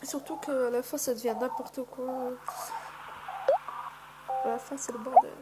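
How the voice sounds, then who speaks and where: A woman's voice: sits high, steady tone, a little slow, heavy background noise. A woman casually commenting on a video game, hesitant, with many fillers and mild swearing. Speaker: gaming video host. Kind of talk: casual let's play commentary. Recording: loud music behind the voice. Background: loud background music.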